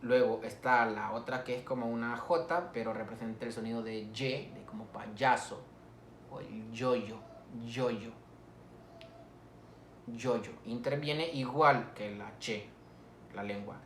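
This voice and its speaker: A male teacher, giving a slow phonetics lesson and repeating each example word for students to copy. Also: medium pitch, steady tone, fairly bright tone, slight background noise. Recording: echoey room.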